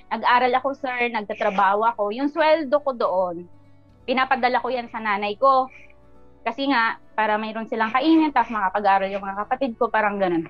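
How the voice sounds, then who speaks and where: A woman's voice: fairly high pitch, fairly quick. Earnest woman telling her life story. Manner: earnest and animated, often trails off with fillers. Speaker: guest, business owner. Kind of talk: personal life story in an interview. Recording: muffled sound with faint music.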